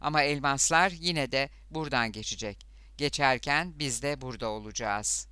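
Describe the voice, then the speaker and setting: A man's voice: medium pitch, normal speed, bright, forceful tone, clear, resonant tone, no room sound, lightly acted. A man voicing a fierce, scheming outlaw leader in an audiobook, with bitter, hot-tempered speech. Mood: low, plotting. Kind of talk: audiobook character voice.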